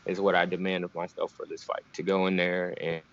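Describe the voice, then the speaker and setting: His voice sits low and moves a little fast: a young Virginian bare-knuckle fighter chatting casually as a guest in a video call interview. He's easygoing and often laughing, and the call sound is dry and muffled.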